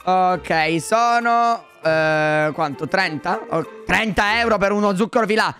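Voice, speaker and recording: A man with a bright, forceful voice plays a father in a game role-play. He exclaims often and gets flustered quickly, with faint music playing behind. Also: high voice.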